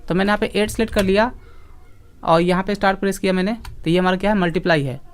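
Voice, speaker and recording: A man's voice: high voice, fast, clear, resonant tone. A man teaching an online computer class, explaining each step patiently and repeating key points. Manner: patient, explains step by step, scolds interrupting students sternly.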